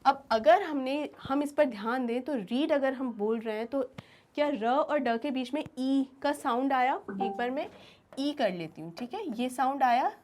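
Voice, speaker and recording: A woman's voice: high-pitched, measured pace, darkish tone, slight background noise. A woman teacher giving a grammar lesson, asking her students questions and answering them herself.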